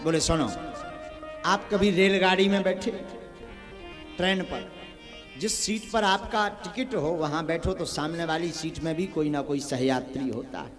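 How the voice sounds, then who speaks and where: High-voiced male preacher telling a story. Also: unhurried. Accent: north Indian Hindi. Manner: sing-song storytelling, acts out quoted dialogue, asks the crowd questions. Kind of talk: devotional sermon with storytelling. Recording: live sermon with instrument music behind. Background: musical instrument accompaniment.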